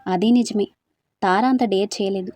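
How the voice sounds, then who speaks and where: A woman's voice: mid-range voice, moderate pace, darkish tone, dry recording, lightly acted. A woman voicing chatty young women friends in a hostel, teasing and prying with questions, in a storybook reading. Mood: curious, teasing.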